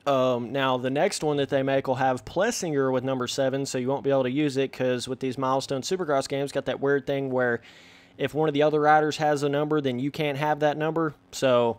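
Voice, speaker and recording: A man's voice: medium pitch, steady tone, a little fast, no echo. A young man talking straight to his viewers in a brash, slangy way while he comments on a game. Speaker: gaming YouTuber. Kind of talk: casual gameplay commentary.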